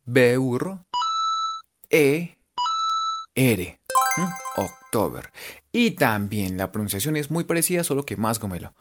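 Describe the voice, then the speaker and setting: A lively, playful teacher with a Colombian accent whose voice swoops up and down as they lead an online lesson. They spell words letter by letter, crack little jokes, and slowly draw out each word to sound it out. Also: mid-range voice. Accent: Colombian Spanish. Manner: animated, drawn-out sounding-out of words. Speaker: language teacher.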